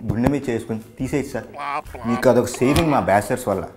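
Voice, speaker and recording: A man's voice: mid-range voice, racing, background noise. A young man, a bachelor tenant, arguing his case to a house owner in a comedy sketch.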